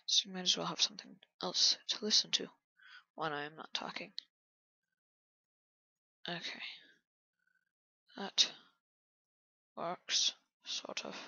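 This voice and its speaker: A man quietly commenting on his own game build, often half-whispering to himself. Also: high voice, fairly even intonation, takes it slowly, gravelly, long pauses, no echo, highs cut off. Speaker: channel host building in a video game.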